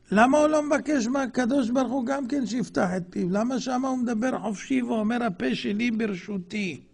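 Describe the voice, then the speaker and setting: A man giving a religious lecture as a rabbi, fiery and mocking, firing rhetorical questions and swinging between loud outbursts and low murmurs. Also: creaky.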